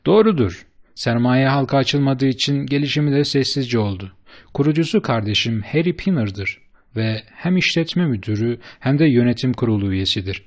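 A man voicing an eager, flattering bearded businessman who speaks with emphatic enthusiasm in an audiobook. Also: mid-range voice, normal speed, close to an everyday voice. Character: eager, fast-talking bearded businessman, middle-aged man.

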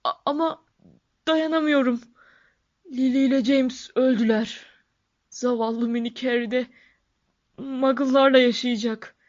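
A woman plays a hulking, gruff but tender giant of a man in a storybook reading, booming and stammering through tears, a bit higher than her usual voice. The recording is dull and lo-fi. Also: steady tone, moderate pace, natural voice. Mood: sobbing. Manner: loud, stammering, tearful. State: sobbing. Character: huge gruff male half-giant groundskeeper, soft-hearted.

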